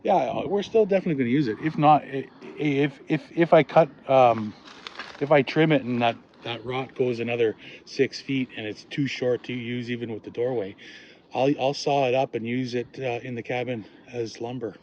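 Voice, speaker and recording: A man chatting casually outdoors as he explains his building work, often pausing to think aloud. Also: mid-range voice, darkish tone. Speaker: log cabin builder and vlogger. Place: outdoors at a cabin building site. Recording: muffled, noisy outdoor camera audio.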